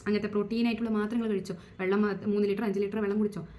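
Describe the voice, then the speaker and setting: A woman's voice: mid-range voice, little pitch movement, racing, mellow. A young adult woman hosting a casual talk on psychology, slipping English words into her speech and asking rhetorical questions.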